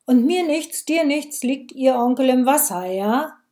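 A woman reading an audiobook voices a gruff, mocking male village policeman who talks loud, clipped and sarcastic. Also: high-pitched, animated, a little slow, pitched above the performer's own voice.

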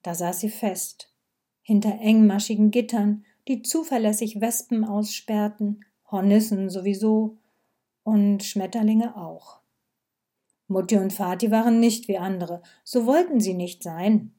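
A woman narrating a story in a calm, measured read that sometimes sinks to a whisper. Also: medium pitch. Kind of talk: scripted narration.

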